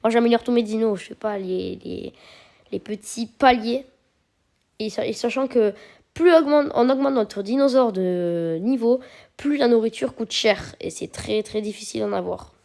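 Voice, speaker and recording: A woman walks viewers through a mobile game in a casual, chatty way. Her voice sits a little higher than usual. She explains each step patiently, filling the gaps with small hesitations. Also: moderate pace, vocal fry, dark tone. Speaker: mobile game video creator. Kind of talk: casual gameplay commentary.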